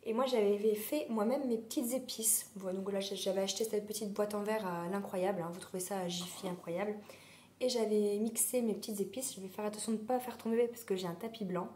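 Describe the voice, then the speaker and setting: A woman vlogger chatting casually while hoarse from a sore throat, rambling with many fillers. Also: mid-range voice, steady tone, brisk, warm tone, a little hiss or hum. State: sore throat, losing her voice. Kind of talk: casual chat. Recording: roomy echo.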